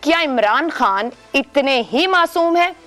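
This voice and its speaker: Woman hosting political talk, high voice, keeps pushing her guests. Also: lively intonation, unhurried, a bit bright, soft background music. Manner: pointed, pressing questions. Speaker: talk show host. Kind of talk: political talk show moderation.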